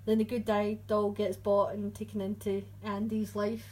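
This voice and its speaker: Chatty woman, slightly breathy. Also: mid-range voice, monotone, normal speed, darkish tone, low-quality recording. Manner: chatty, laughs often, loses her words. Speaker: podcast co-host. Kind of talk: casual chat about horror movies.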